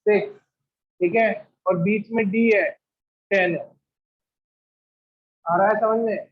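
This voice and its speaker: A man's voice: sits high, fairly even intonation, takes it slowly, muffled recording, a little hiss or hum. A man teaching chemistry to a classroom of students, quizzing them with repeated questions and rattling off lists of elements at speed. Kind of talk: classroom lecture.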